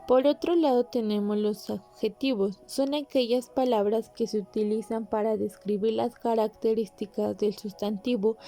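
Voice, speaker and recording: A woman hosting a podcast, calmly explaining Spanish grammar in a measured, instructive way with pauses. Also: a little high. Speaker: podcast host.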